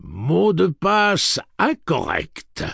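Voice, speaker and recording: Furious blinded robot, shrill, very high, slow drawn-out shrieks, dry close sound, audiobook. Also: male voice, huge pitch swings, creaky, a bit bright, breathy edge, no room sound, heavily acted. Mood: cold, gloating. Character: enraged blinded male messenger robot.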